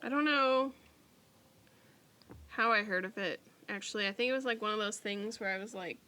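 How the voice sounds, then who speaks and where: A woman co-hosting a podcast in casual chat, animated and swearing casually. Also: medium pitch, moderate pace. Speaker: podcast co-host.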